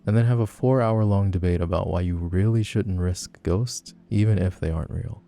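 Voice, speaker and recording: Man playing a teasing, gravelly low-voiced flirty guy. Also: normal speed, warm tone, faint music behind. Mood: playful, rambling. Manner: teasing, playful, rambling. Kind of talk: flirty personal-attention role-play, casual chat.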